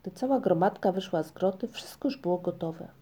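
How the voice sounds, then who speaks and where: A woman narrating a children's storybook in a calm, measured, gentle manner. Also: on the low side, breathy edge. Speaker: audiobook narrator.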